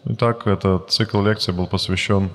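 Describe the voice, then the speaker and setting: A man's voice: sits low, steady tone, normal speed. A man interpreting a religious lecture phrase by phrase, hesitant with fillers and restarts. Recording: long hall reverb.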